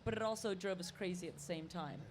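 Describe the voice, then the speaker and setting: A woman's voice: lowish voice, quick pace, slight background noise. A woman musician talking casually in an interview, laid-back and rambling, often laughing. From Los Angeles. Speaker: touring musician.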